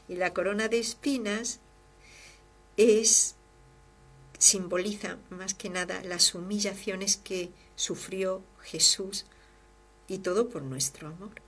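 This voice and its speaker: Religious sister, host, fervent and expressive, reads listener mail warmly. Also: female voice, mid-range voice, slow, soft background music. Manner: fervent, expressive, swings from loud to hushed. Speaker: religious sister hosting a devotional program. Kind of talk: devotional talk and reading listener letters.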